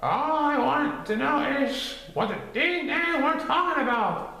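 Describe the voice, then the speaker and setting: A man voicing Gopher, an impatient, gruff gopher with a blunt, folksy way of talking. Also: extremely high pitch, animated, measured pace, pushed and bright, pitched above the performer's own voice, exaggerated voice. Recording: strongly echoey room.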